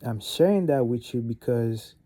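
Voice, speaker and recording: At normal speed and medium pitch, with no echo, a young man from Gabon, a native French speaker, delivers a relaxed motivational vlog to camera. He meanders, restarts sentences, uses plenty of fillers, and becomes animated on key points.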